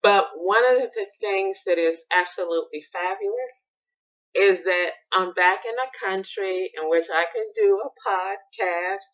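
A woman in her sixties, a podcast host, telling a story in a lively, casual way and laughing as she talks. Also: lowish voice. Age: 60s. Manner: animated storyteller, laughs while talking. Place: Bradford. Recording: dull lo-fi recording.

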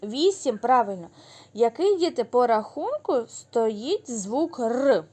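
A woman teacher leading a lesson for young children, speaking slowly and clearly, drawing words out syllable by syllable and praising the class. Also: a little high, very animated, dark tone. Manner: praising, answering her own questions.

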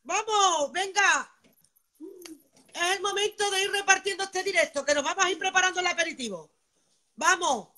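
Chatty bright-voiced woman selling live. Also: very high voice, moderate pace, long pauses. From Spain. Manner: chatty, keeps asking "vale", greets viewers by name. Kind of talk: live-stream sales pitch.

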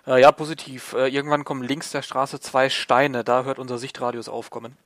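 A man's voice: medium pitch, little pitch movement, brisk. A man playing a military co-op game, switching between casual chat and clipped radio phrases on a close headset mic. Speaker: video game player. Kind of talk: casual chat and radio calls during tactical co-op gameplay.

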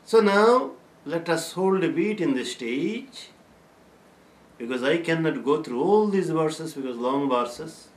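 Expressive and on the high side, the voice of an older Islamic teacher slowly unpacks Quran verses in a religious lesson, with chanted Arabic recitation between them. He's in a plain, bare-walled room that echoes.

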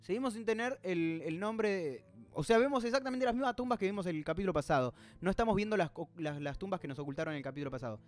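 A man's voice: high-pitched, expressive, fast talker, soft background music. A man hosting a manga reaction, reading the panels aloud and stopping to puzzle over details and reply to chat comments.

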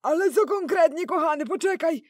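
A woman's voice: extremely high pitch, expressive, a little fast, darkish tone, no room sound, clean studio sound. A woman voicing a doting, chatty old grandfather toy figure who fusses affectionately. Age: older. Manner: fussing, affectionate, old-fashioned. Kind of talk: toy-figure cartoon voice acting.

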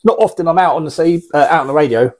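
This British man in his forties talks very fast in a fairly high, slightly mellow voice. He's a radio hobbyist reviewing gear off the cuff, rambling in a wry, blunt, casual way from a small indoor radio room.

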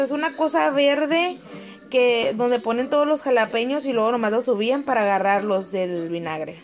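A young woman, chatting casually to her viewers in a home kitchen vlog. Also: on the high side. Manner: chatty, talks to viewers as friends. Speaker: vlogger.

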